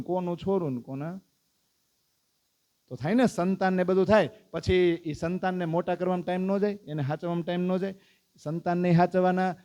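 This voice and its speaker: Man telling a devotional story. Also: high voice. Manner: animated storyteller, asks listeners questions. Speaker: spiritual teacher.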